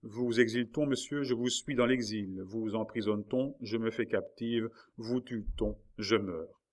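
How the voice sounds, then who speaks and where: A man's voice: on the low side, measured pace, lightly acted. A man voicing a dignified, passionate young queen who speaks with urgency. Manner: breathless, passionate.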